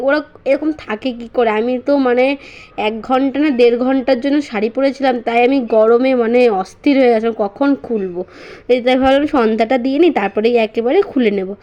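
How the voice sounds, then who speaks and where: Young mom vlogging at home, talks fast, bit high voice, lo-fi phone sound. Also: female voice, mellow. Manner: chatty, many fillers, baby talk to her child. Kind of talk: casual home vlog chat.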